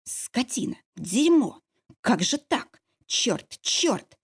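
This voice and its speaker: A woman's voice: medium pitch, big pitch swings, normal speed, slightly rough. A woman reading an audiobook, voicing a fierce young heroine who snaps and growls orders. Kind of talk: audiobook character voice.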